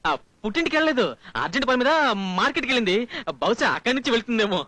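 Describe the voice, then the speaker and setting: An evasive young husband, husky. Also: male voice, extremely high pitch, very animated, rapid-fire, sharp tone, dry recording, full character voice. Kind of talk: film acting.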